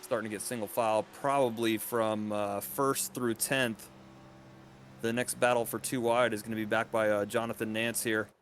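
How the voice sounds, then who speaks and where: A man calling play-by-play for a live sim race broadcast, energetic and quick. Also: on the low side, a little hiss or hum. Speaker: play-by-play commentator. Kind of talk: live sim racing commentary.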